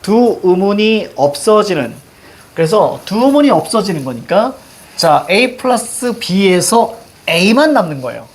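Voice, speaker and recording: A man's voice: high-pitched, big pitch swings, measured pace. A male teacher giving a classroom grammar lesson, questioning students and repeating key words.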